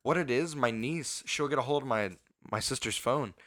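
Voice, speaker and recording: A man's voice: medium pitch, moderate pace, a bit bright, no room sound, studio quality. A young man who is a podcast guest, talking bluntly in a casual chat and swearing a lot.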